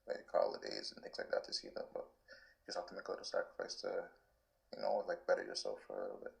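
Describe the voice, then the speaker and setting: Low and gravelly, the voice belongs to a Canadian man in his twenties who plays soccer and is a guest here. He talks quickly and loosely through interview questions with plenty of "like" and false starts, on a rough recording.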